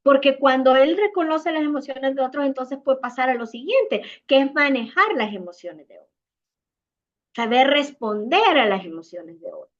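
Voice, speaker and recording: A woman's voice: sits high, lively intonation, moderate pace. Woman, Salvadoran accent, parenting talk, acts out short dialogues, muffled lo-fi stream audio. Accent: Salvadoran Spanish. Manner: warm conversational advice, acts out little dialogues. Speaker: parenting speaker.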